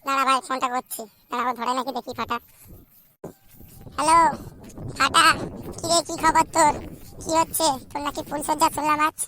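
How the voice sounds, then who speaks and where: Voicing a whiny, crude young unmarried man in a cartoon, a woman rattles off fast, complaining chatter packed with swearing. Her voice is high-pitched, bright and forceful, with slight background noise.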